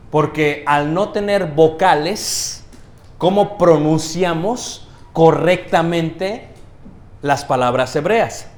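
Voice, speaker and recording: A man with a fairly high voice preaches a teaching sermon in a church. He keeps checking that his listeners follow, asking them questions and adding a quick "ok?". He slows down and stresses the key words.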